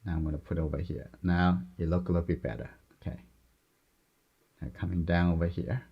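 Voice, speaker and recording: Gentle, low gravelly male painting instructor. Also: flat delivery, brisk, muffled recording. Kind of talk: step-by-step painting demonstration, unscripted.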